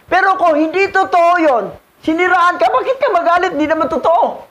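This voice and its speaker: A man's voice: very high-pitched, expressive, fairly quick, fairly bright tone, highs cut off. A man teaching as a religious instructor, commenting on a reading in a casual, repetitive way, chuckling and mixing in English words.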